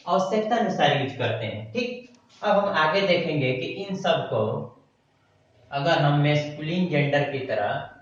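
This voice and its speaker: A man teaching a grammar lesson, who repeats words slowly as he writes them on a board. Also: mid-range voice. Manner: slow, repeats terms while writing on a board. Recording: dull echoey room, mic far off.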